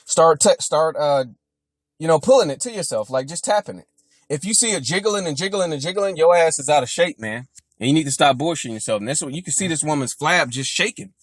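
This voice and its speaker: A man's voice: on the high side, expressive, a little fast, dry recording, clean studio sound. A young man, a fitness vlogger delivering a blunt, mocking motivational rant full of swearing.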